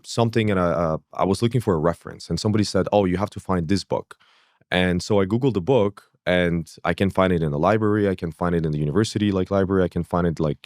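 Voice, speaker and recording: A man's voice: sits low, darkish tone, dry recording, studio quality. A man in his thirties, born in Kazakhstan, telling his story as a podcast guest in a rambling way, full of fillers and acted-out asides. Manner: rambling, fillers, acts out his own past thoughts. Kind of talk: casual interview.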